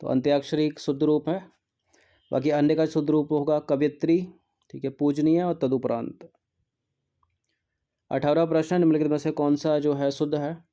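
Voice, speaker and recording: A man's voice: fairly high pitch, flat delivery, normal speed, long pauses, dark tone. A male teacher going through exam practice questions, repeating words to drill their spelling and mixing in English terms.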